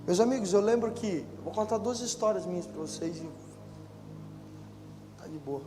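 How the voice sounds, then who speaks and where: A young man with a Brazilian Portuguese accent preaches a sermon in a high, light voice. He shifts between loud exhortation and a quiet, intimate storytelling tone. The sound carries the long reverb of a church hall, with soft music playing underneath. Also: expressive, normal speed. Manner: preaches loudly at first, then tells a story in a quiet, intimate voice. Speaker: pastor.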